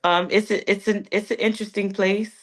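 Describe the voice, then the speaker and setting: This woman, a gospel recording artist from Connecticut in her thirties, speaks with an American accent in a casual interview chat. Her voice is medium-pitched with little pitch movement, and she talks fairly quickly.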